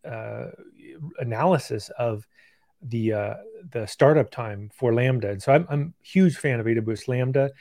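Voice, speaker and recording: A man hosting a live stream interview, asking questions in a relaxed, conversational way with some fillers. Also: mid-range voice, moderate pace, creaky, no room sound, clean studio sound. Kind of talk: casual interview.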